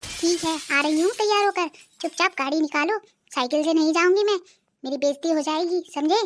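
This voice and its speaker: A voice artist playing a bossy, sharp-tongued middle-aged cartoon wife who nags and threatens. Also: extremely high pitch, a little fast, slight background noise. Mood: scolding. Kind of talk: cartoon voice acting.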